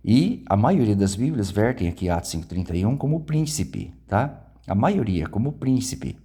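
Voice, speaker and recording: A man's voice: on the low side, sing-song, moderate pace, warm tone, husky. A Brazilian man with a Brazilian Portuguese accent, giving an informal Bible lesson and often checking in with his listeners. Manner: conversational, frequent tag questions. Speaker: Bible teacher.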